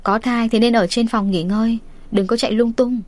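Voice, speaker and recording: A stern, perceptive middle-aged mother-in-law speaks in a calm, firm voice, as a woman narrator reads her lines. Her voice sits a little high. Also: normal speed, close to an everyday voice.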